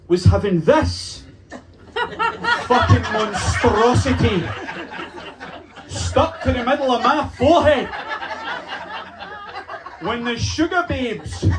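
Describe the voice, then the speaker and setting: A young man with a Glaswegian Scottish accent doing a stand-up comedy set in a club, telling punchy stories with swearing and acting out shouted lines. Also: very high-pitched, rough recording. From Glasgow, Scotland. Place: comedy club with a live audience. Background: audience laughter.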